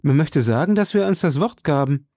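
A man's voice: a little high, lively intonation, brisk, dark tone, no room sound, pitched above the performer's own voice. A refined, vain young musketeer, as a man reading aloud puts him on in a storybook, airy and affected. The voice is raised and swings widely, in a dry close room. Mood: airy lively.

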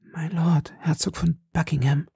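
A man voicing a reproachful young shopkeeper's wife, with a gravelly voice raised high. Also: level tone, unhurried, mellow, no echo, studio quality, full character voice. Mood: urgent whisper.

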